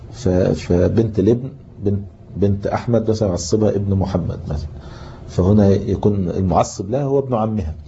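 On a muffled, lo-fi tape with faint hiss, a man with a low, mellow voice and an Egyptian Arabic accent gives a classroom lesson on Islamic inheritance law. He reads from the book, explains patiently, and puts questions to the class.

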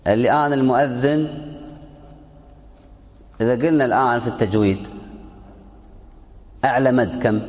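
Low voiced guy teaching a class, keeps repeating stuff and quizzing students, long hall echo. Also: darkish tone. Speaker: sheikh teaching a fiqh text. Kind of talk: classroom lesson explaining a text.

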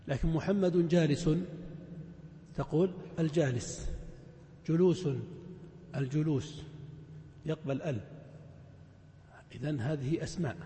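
A man leads a grammar lesson in a large mosque, going step by step through examples and putting questions to his students. His voice sits a little high with a mellow, soft edge. The sound rings out with long reverb across the hall. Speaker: grammar teacher.

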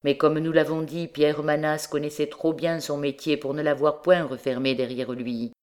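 A woman reading a classic novel aloud as an audiobook, in a measured, dramatic way. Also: deep voice, flat delivery, a little mellow. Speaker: audiobook reader. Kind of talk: scripted narration of a classic novel.

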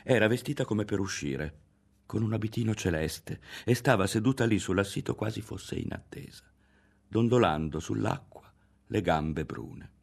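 A man reading a literary novel aloud in a measured, expressive narration. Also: fairly low pitch, creaky, breathy edge. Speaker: audiobook reader.

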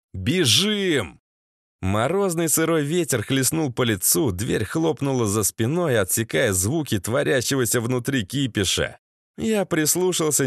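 A man's voice: mid-range voice, vocal fry, dry recording, clean studio sound. A man narrating a first-person audiobook in a sardonic, crude, slangy manner.

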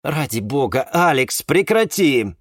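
A man reading a novel aloud, voicing a bitter, sharp-tongued young woman with a raised, biting voice. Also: medium pitch, sing-song, measured pace, no echo, clean studio sound, voice pushed up. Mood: scornful. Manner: scornful, biting.

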